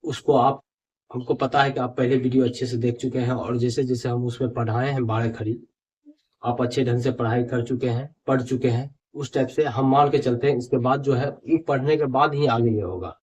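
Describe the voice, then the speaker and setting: Man teaching slow word-by-word reading. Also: medium pitch, fairly even intonation, darkish tone. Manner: reads each word twice, drawn out and emphatic. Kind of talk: board lesson, reading words aloud slowly. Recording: dull lo-fi audio.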